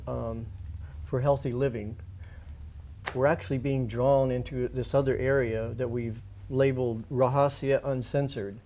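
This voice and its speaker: Mellow and medium in pitch, this man's voice comes with a little hiss or hum in the recording. A writer from alternative media, he talks off the cuff as a radio interview guest, earnestly and emphatically repeating his points.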